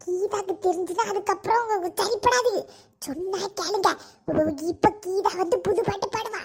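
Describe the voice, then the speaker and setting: High fretful woman. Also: steady tone, normal speed, a little mellow. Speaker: comedy sketch performer. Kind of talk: comic village sketch.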